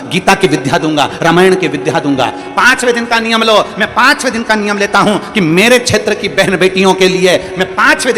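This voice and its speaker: Man, religious storyteller, fairly high voice, rhythmic repeated phrases, long hall echo, faint music. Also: sharp tone. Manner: sings bhajan lines, then preaches in rhythmic repetitions.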